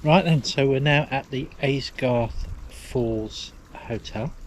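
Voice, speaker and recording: A man's voice: medium pitch, slow pace, background noise. A middle-aged man, giving wry running commentary on a motorbike ride. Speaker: motorcycle vlogger. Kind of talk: casual chat while riding.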